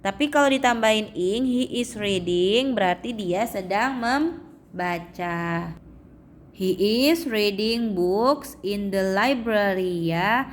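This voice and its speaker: Slow-paced woman teacher explaining lessons. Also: mid-range voice, animated, a little hiss or hum. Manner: slow, drawn-out reading of English phrases, frequent "ya" checks. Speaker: English teacher. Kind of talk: explaining English lesson to children.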